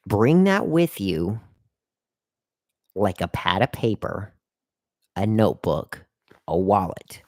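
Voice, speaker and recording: Fairly low in pitch, a little mellow, and very animated, the man speaks slowly with many pauses as he hosts a live stream. His career advice is casual, rambling, and repetitive, aimed straight at the chat and broken by hiccups and burps. The sound is clean studio audio with no echo.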